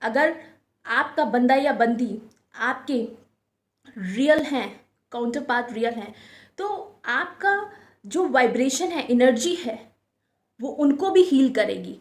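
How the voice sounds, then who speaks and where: Woman, high voice, spiritual advice talk, coaxing and repetitive, echoey room. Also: lively intonation, slow, long pauses. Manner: repetitive, coaxing, addresses listeners as friends. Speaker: spiritual guidance speaker.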